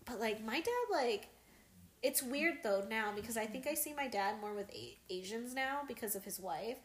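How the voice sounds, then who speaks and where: A woman's voice: fairly high pitch, lively intonation, normal speed. Chatty young woman in an echoey room. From United States. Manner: rambling, many fillers and laughs. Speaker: podcast co-host. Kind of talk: casual chat.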